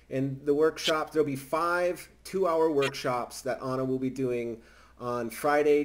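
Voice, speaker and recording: A man hosting an interview in an upbeat, friendly way, thanking his guest and spelling out details. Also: mid-range voice. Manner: upbeat, warm thanks, spells out web addresses. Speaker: interview host. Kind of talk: casual interview chat.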